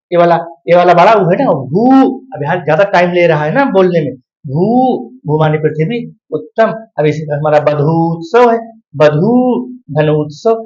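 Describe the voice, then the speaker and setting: A man's voice: sits high, darkish tone. A man teaching a grammar lesson on video, stretching words out syllable by syllable and calling his viewers dear ones. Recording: dull lo-fi sound.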